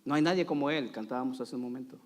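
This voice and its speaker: A man preaching a sermon in a church, dramatic, swinging from loud pleading to quiet asides. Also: mid-range voice, rapid-fire. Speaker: pastor. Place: church sanctuary. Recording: long hall reverb.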